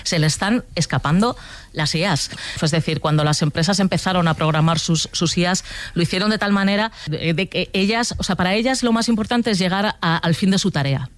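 A man's voice: high voice, brisk, fairly bright tone. A man from giving conversational radio commentary, explaining things emphatically.

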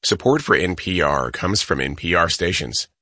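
An American man reads a scripted radio sponsorship message. His voice is deep and rough-edged, with a very dry studio sound. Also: animated, normal speed, bright, forceful tone, no echo. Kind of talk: scripted underwriting announcement.

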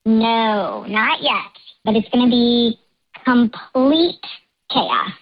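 A caller's voice run through a voice changer. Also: female voice, a little high, very slow. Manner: chatty, nervous storytelling with fillers. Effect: voice changer disguising her voice. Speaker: radio show caller. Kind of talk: telling a personal story on air. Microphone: phone. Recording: dull lo-fi phone line.

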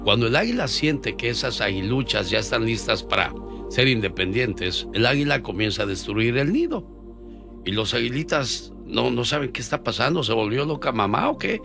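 Radio host guy, animated voice, music under him, tells little stories to callers. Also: mid-range voice, moderate pace, gravelly. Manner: folksy storytelling, playful. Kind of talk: morning radio call-in chat. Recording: radio broadcast with music bed.

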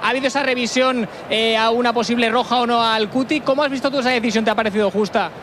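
A man asking a player quick questions as a pitchside reporter. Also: fairly even intonation, fairly bright tone, slight background noise. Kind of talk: halftime interview questions.

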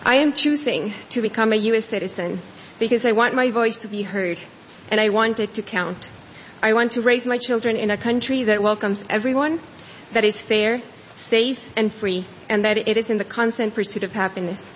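A woman's voice: a little high, slight background noise. Earnest woman from Ecuador, ceremony speech. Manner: earnest, measured phrasing. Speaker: new citizen giving a speech. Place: large tent at an outdoor ceremony. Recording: dull audio with faint ambience.

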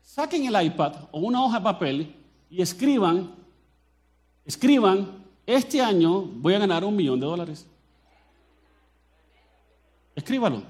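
A Colombian man with a Colombian accent preaching a sermon as pastor, animated and joking as he addresses the congregation directly. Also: high-pitched, unhurried, long pauses.

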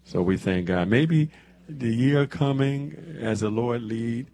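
Gravelly, dark-voiced man in his seventies. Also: mid-range voice, slow. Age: 70s. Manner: preacherly, peppers talk with amens. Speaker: radio show host. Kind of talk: casual church radio talk. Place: radio studio.

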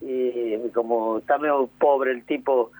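A man's voice: medium pitch, steady tone, a little slow, a little mellow, dry recording. A man with an Argentine accent chatting casually on a phone call from home, repeating his words as he talks. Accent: Argentine Spanish. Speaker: guest. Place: at home by a grill.

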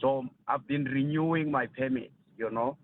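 A man from Malawi calling in to a radio show, explaining his situation in a steady, storytelling way with frequent "you know". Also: mid-range voice, normal speed. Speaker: caller. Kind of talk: phone-in call to a radio show. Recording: tinny phone line with faint noise.

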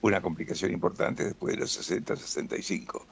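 A man's voice: low-pitched, steady tone, fast talker, breathy edge. A man with a Rioplatense Spanish accent, explaining things relaxedly as a doctor guest in a radio interview and often tagging "¿no?".

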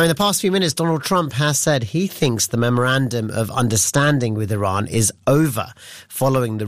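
A man presenting live news, reading brisk scripted links and questioning a correspondent. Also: fairly low pitch, no room sound, clean studio sound.

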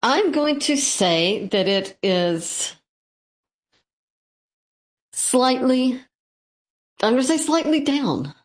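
A woman's voice: high-pitched, expressive, drawn-out words, long pauses. A woman co-hosting a radio talk show, bantering playfully with the host.

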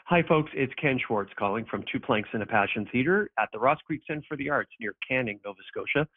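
A man's voice comes through a landline phone, thin and boxed in by the narrow line. He delivers an upbeat, friendly promotional message at a middling pitch. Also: expressive, fairly quick. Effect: heard over a landline phone. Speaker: theater company promoter.

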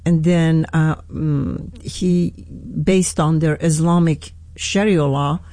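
A woman in her sixties from Iran with an Iranian accent, a pastor telling her life story in an interview, earnest and hesitant with many pauses and restarts. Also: low voice, steady tone, warm tone, dry recording. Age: 60s. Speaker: pastor, guest. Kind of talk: personal testimony in an interview.

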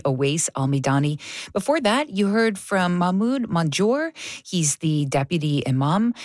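A woman hosting a radio show, introducing guests and segments in a clear, measured way. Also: low-pitched, dry recording, clean studio sound. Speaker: radio host.

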